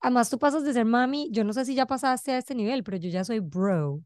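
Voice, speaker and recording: Woman, forties, podcast host, chatty, slightly high voice, dry sound. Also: fairly quick, a little mellow, no room sound. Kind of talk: casual interview chat.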